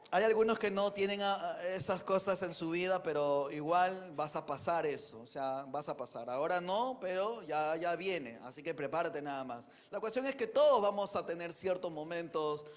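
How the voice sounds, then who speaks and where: High-voiced earnest male preacher. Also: moderate pace, few pauses. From Peru. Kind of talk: sermon.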